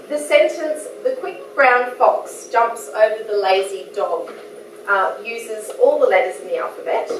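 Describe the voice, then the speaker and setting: A woman's voice: on the high side, slight background noise. A woman with an Australian accent, a guest lecturer giving a chatty, self-deprecating academic talk. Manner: chatty, self-deprecating, laughs between points. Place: lecture hall. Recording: echoey hall, mic from a distance.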